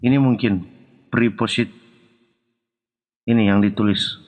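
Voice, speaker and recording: A man's voice: on the low side, fairly even intonation, a little slow, a little mellow, in a large hall. A man giving short, agreeing replies as a guest in a discussion.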